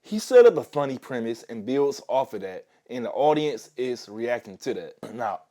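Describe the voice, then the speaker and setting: A man's voice: mid-range voice, big pitch swings, moderate pace, dark tone. A sarcastic man hosting his own commentary video, ranting at viewers while losing his voice to a cold. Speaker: commentary YouTuber. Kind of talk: opinionated video essay.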